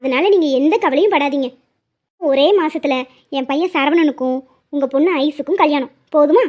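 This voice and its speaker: A woman's voice: sits high, normal speed, lightly acted. A woman voicing a well-off, kind middle-aged mother in a cartoon, speaking in an earnest, reassuring way. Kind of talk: cartoon voice acting. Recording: dull lo-fi audio.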